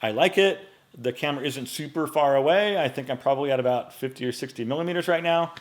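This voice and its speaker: A man in his late forties answering viewer questions in a casual vlog, relaxed and chatty with frequent fillers, recorded on a microphone in front of him in a home studio. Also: medium pitch, quick pace, very noisy. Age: 40s. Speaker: men's style YouTuber.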